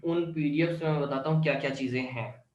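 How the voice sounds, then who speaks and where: A man teaching an online English literature class, explaining step by step and often checking "clear?", with Indian-accented English. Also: a little high, fairly quick, darkish tone, echoey room, lo-fi sound.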